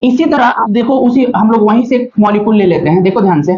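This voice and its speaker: A man's voice: sits high, quick pace. A male chemistry teacher giving a classroom lecture, explaining step by step and often checking in with his students. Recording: dull lo-fi recording.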